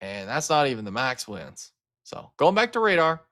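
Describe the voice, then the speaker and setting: A man from Arkansas hosts a live severe-weather stream. His delivery is casual and chatty, full of fillers and asides to his viewers. His voice sits at an ordinary middle pitch. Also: sing-song, moderate pace, a bit bright. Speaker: livestream weather host.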